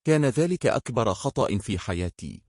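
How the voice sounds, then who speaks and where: A woman's voice: extremely low pitch, animated, a little fast, a little mellow, no room sound, clean studio sound. A man voicing a scornful young wife in a storybook horror tale, speaking in a cold, dismissive way. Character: scornful young wife leaving her husband.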